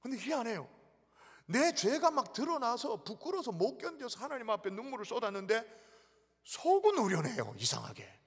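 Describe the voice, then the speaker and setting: 남성 목사 높고 활기찬 설교 목소리, 울리는 예배당. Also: male voice, very high-pitched, huge pitch swings, normal speed, husky. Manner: emphatic, questioning the congregation, acting out inner thoughts. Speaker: pastor. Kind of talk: sermon. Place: church sanctuary. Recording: church hall reverb.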